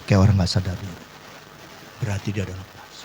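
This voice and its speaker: A man preaching a sermon at a church service. He moves between quiet asides and shouted climaxes, slips in English phrases and keeps asking the congregation to agree. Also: low voice, little pitch movement, fairly quick, very noisy. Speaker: pastor.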